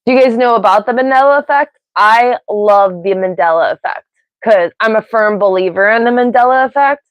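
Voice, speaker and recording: A woman's voice: fairly high pitch, brisk, no echo. Giggly American woman chatting live. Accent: mixed Pennsylvania and Ohio. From United States. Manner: rambling, giggly, off on tangents. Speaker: livestream host. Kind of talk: casual live-stream chat. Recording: dry, slightly dull sound.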